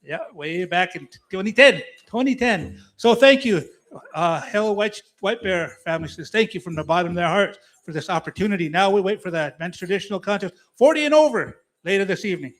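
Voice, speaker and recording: A man's voice: high-pitched, fairly quick, fairly bright tone. A man emceeing a powwow, making informal announcements and repeating key phrases.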